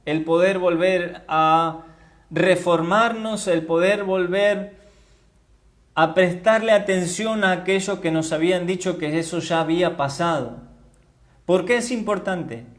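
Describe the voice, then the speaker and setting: In a high-pitched voice, a man preaches a teaching sermon as a Bible teacher, hammering home key words by repeating them and slowly spelling them out.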